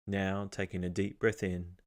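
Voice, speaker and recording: Pausing between phrases, a man with a fairly low voice leads a guided meditation. He delivers gentle step-by-step instructions in a calm, measured way.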